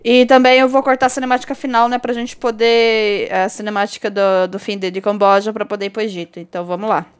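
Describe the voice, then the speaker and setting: A woman with a Brazilian Portuguese accent giving casual, expressive commentary over her own gameplay, chatty and quick to swear. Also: medium pitch, clear, resonant tone. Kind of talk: casual let's-play commentary.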